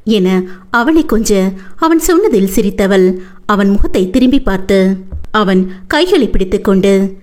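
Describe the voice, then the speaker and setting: A woman narrating a romance novel in a steady storytelling read. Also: mid-range voice, measured pace, long pauses. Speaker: audiobook narrator.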